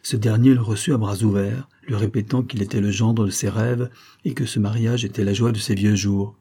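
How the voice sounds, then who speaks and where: A man reading a romantic novel aloud at a measured, even pace. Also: on the low side, slightly rough. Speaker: audiobook reader.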